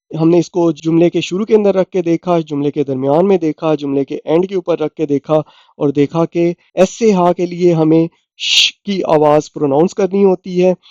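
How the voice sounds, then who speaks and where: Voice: medium pitch, dark tone, no room sound, lo-fi sound. A language teacher giving a beginner lesson, spelling out each word letter by letter and repeating it.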